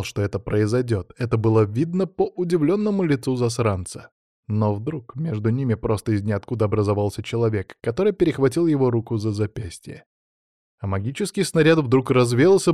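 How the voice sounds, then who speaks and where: A man's voice: medium pitch, animated, normal speed, dark tone, no echo. A man reads a first-person audiobook in a mid-range voice, with a wry, sardonic edge in his asides. The recording is dry and close with no room sound. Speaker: audiobook narrator.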